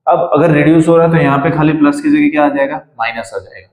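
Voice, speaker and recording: A man's voice: on the high side, quick pace, a little mellow. Guy tutoring maths, keeps asking the class stuff then answering it, echoey room. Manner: repeats questions to students and answers them himself. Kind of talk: blackboard-style maths lesson. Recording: roomy classroom echo.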